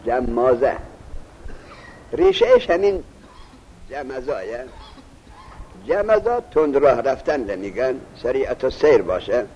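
Lively-voiced male teacher, muffled recording. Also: mid-range voice. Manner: reads text aloud, then explains and quizzes students. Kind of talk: classroom lesson explaining a text. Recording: muffled lo-fi recording with faint hiss.

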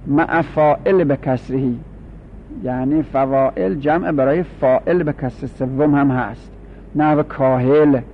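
A man's voice: medium pitch, steady tone. Man lecturing on grammar, muffled lo-fi. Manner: explains slowly, repeats and drills forms. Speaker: teacher of Arabic grammar. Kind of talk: classroom lecture. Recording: dull lo-fi recording with faint hum.

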